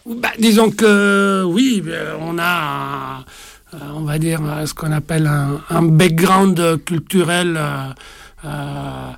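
A man in his forties talks about his writing in a halting way, stopping and restarting his sentences. His voice is a little high and gravelly, and it is recorded close and dry. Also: steady tone, no room sound. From Italy. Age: 40s. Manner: hesitant, many fillers and restarts. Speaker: author. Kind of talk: interview conversation.

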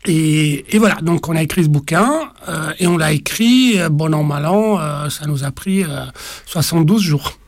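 A man in his forties, born in Italy, talking about the book he co-wrote in an interview, pausing often with fillers and restarts. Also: a little high, animated, dry recording, studio quality. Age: 40s. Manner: hesitant, many fillers and restarts. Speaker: author. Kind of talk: interview conversation.

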